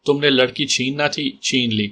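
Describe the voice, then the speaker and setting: A stern middle-aged trader , voiced by a man, speaks with a ringing voice. His tone stays soft and cold as he coaxes. The pitch sits in a middle range. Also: steady tone, a little hiss or hum, natural voice. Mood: cold, coaxing.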